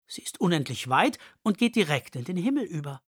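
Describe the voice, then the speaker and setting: A man narrating a children's story in a lively, expressive way, close to the microphone. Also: on the high side, brisk, breathy edge, no echo.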